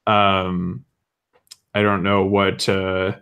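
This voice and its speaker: A man running a tabletop game as game master, relaxed and hesitant, with many fillers. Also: low voice, very slow, gravelly, smooth.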